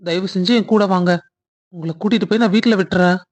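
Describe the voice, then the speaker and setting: A woman voicing a kind young man in a cartoon love story who speaks earnestly and reassures gently. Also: lowish voice, fairly even intonation, quick pace, natural voice.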